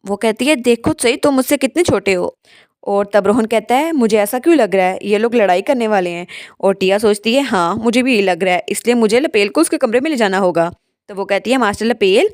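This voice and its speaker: A woman's voice: mid-range voice, no room sound, studio quality. A woman retelling a comic story as a storyteller in a casual narrating style, briefly raising her voice for the characters.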